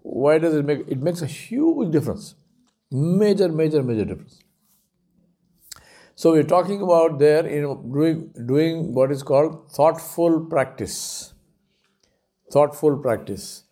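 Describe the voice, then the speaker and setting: A man's voice: on the high side, expressive, measured pace, pauses often, mellow. A man giving a religious talk at an Islamic centre, repeating key phrases for emphasis with frequent fillers.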